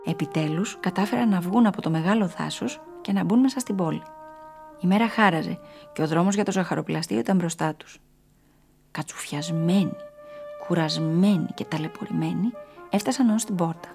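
A woman narrating a storybook in a lively, expressive way. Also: medium pitch, vocal fry, faint music behind.

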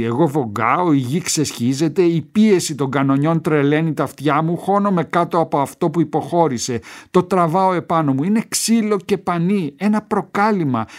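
A man reading a first-person war story aloud in a measured, tense storytelling manner. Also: on the high side. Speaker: narrator.

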